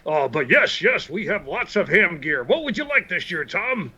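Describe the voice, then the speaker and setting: A hearty, jolly old Santa Claus, as a man plays him over a muffled video call. His bright, sharp voice swoops up and down with booming ho-ho laughs. He teases and jokes playfully. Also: sing-song, moderate pace, husky, heavily acted. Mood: friendly.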